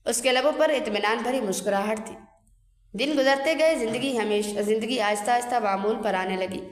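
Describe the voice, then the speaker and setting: A woman narrating a dramatic story in an earnest, emotional way. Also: a little high. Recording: echoey room with long reverb.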